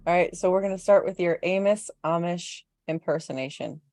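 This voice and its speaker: A woman with a fairly low voice hosts a podcast in a relaxed, casual chat. She talks playfully with her guest. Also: no room sound. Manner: playful, quick to laugh. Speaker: podcast host.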